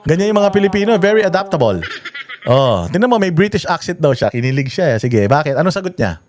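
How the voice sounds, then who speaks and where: A man's voice: fairly high pitch, very animated, fast talker, darkish tone. A man delivering ranting political commentary, profane, mocking and sarcastic. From Philippines.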